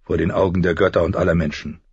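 A man's voice: low-pitched, fast, husky, no echo, lo-fi sound, exaggerated voice. A man voicing a stern reserved lord. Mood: cold. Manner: calm, restrained, cool. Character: grave reserved northern lord, dutiful and stern. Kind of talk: audiobook character voice.

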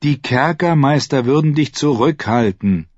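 A grave boy seer who speaks slowly and heavily, as if each word hurts, as a man reading aloud puts him on. The voice is husky and dry, in a dull recording. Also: medium pitch, lively intonation, darkish tone, no echo, pitched above the performer's own voice. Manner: slow, heavy, pained.

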